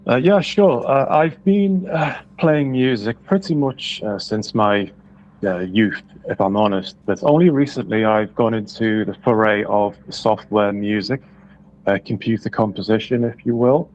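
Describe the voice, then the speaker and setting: A man's voice: on the low side, measured pace, a little mellow. A British man from the United Kingdom answering interview questions thoughtfully, with many hesitations, over a remote call. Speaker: guest musician. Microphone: remote call audio. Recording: dull lo-fi online call audio.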